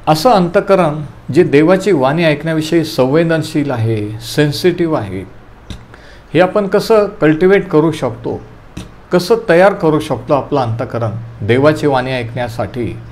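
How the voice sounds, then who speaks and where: A preacher leads a Bible study, teaching calmly and telling listeners to underline verses while mixing in English terms. His voice is on the high side, and he speaks at a measured pace.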